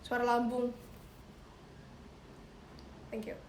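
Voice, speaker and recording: A high-pitched young woman talks casually to her livestream viewers, playful and chatty as she explains singing tips. The sound is roomy, with a faint hiss behind her voice. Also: completely flat delivery, extremely slow. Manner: chatty, playful, addresses viewers as guys, sings short demo lines. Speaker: idol livestream host. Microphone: phone livestream. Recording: roomy echo, faint background noise.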